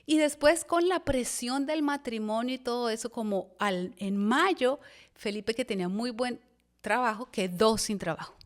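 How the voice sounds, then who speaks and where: A woman, a pastor telling a personal testimony on a podcast, a lively storyteller who voices the people in her story. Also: fairly high pitch, normal speed.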